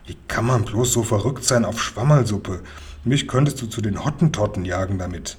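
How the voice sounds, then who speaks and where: Whimpering timid storybook boy, high and wailing, stammers under pressure, read by a husky man. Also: lively intonation, normal speed, a little mellow. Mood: grumbling. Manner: stuttering, whimpering. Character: young boy, timid and whining.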